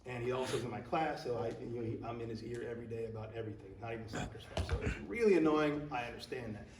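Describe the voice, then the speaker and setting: A man speaking as a high school soccer coach at a banquet, telling loose stories and acting out the quoted lines. His voice sits at a middle pitch, and the recording is roomy, with him standing back from the mic. A faint hiss runs underneath. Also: racing. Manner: storytelling, acts out quotes. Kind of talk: banquet award speech. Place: banquet hall. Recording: echoey hall, speaker far from mic.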